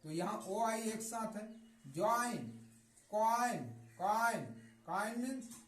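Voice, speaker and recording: A man's voice: high-pitched, slow. A man with a Hindi accent teaching English pronunciation. He repeats each word several times and answers his own questions. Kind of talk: classroom lesson on English pronunciation. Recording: echoey room.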